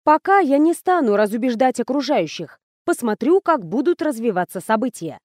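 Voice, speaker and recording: A woman's voice: fairly high pitch, very animated, moderate pace, a little mellow, no echo, clean studio sound. A woman narrating a first-person ironic story as an audiobook reader.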